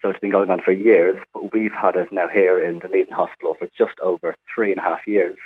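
Over a tinny phone connection, a man from Ireland describes his job as a hospital physiotherapist in a radio interview, using plenty of fillers in his chatty style. His deep, slightly rough voice is flat in delivery and a little fast.

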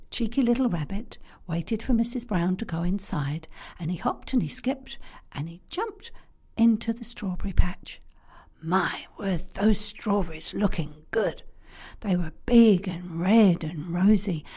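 A woman telling stories for children, in a hushed, whispery and animated way. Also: medium pitch, slightly rough. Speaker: storyteller.

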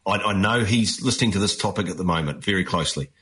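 NZ male interviewer, low voice, calm and measured. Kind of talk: interview questions.

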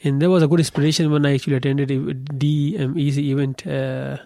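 A man's voice: a little high, fairly even intonation, a little fast, gravelly, mellow, no room sound. A young man from Pakistan, a guest on a radio studio interview, speaking hesitantly with many fillers.

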